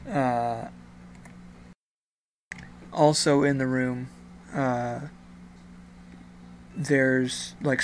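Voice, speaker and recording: A man narrating a tabletop role-playing game as game master, improvising with a hesitant, halting delivery. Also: medium pitch, slight background noise.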